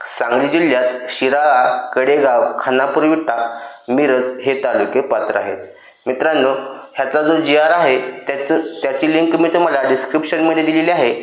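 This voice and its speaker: A man hosting a YouTube channel, reading out a government order in a formal, steady voice and often addressing listeners as friends. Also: medium pitch. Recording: roomy echo.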